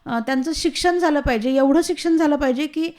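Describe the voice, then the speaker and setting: A woman's voice: high voice, fast talker, a little mellow. A woman, a radio interview guest who speaks earnestly and with emphasis in short phrases. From Maharashtra, India. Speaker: guest, founder of a children's home. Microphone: studio microphone.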